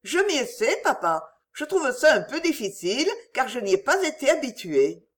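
A woman voicing a calm, earnest young woman, the eldest daughter, speaking matter-of-factly in a storybook reading. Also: sits high, normal speed, pitched above the performer's own voice.

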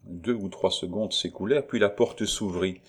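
A man narrating a classic novel in a measured, even reading. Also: low voice. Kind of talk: audiobook narration.

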